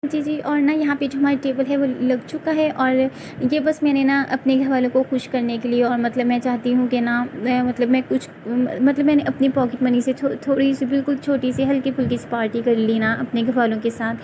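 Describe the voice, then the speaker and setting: A young Pakistani woman with a Pakistani Urdu accent vlogs from home, rattling off her words quickly in a bright, high voice. She keeps a casual, chatty tone, and a faint hum of the room sits behind her. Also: flat delivery. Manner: talks fast on purpose. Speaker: vlogger. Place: home, at a family tea table.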